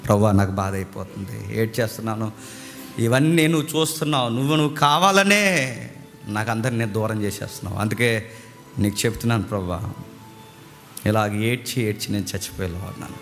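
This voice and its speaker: A man voicing a grieving young man who weeps and pleads with God in a low, hushed voice. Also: brisk, vocal fry, long pauses, long reverb tail, soft background music. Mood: weeping plea.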